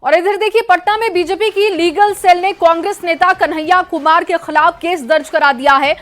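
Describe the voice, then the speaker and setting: A woman anchoring a live TV news bulletin, brisk and emphatic, introducing reports and questioning a correspondent. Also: extremely high pitch, fairly even intonation, fairly bright tone.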